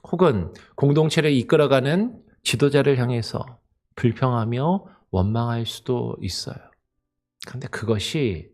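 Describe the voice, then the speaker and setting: A man's voice: mid-range voice, darkish tone. A male pastor giving an early-morning expository sermon, explaining patiently with rhetorical questions.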